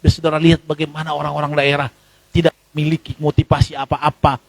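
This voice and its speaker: A male pastor preaching a sermon in a conversational, animated way, jumping to high exclamations and dropping to low asides as he addresses the congregation. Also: fast, creaky, dry recording. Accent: Indonesian. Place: church.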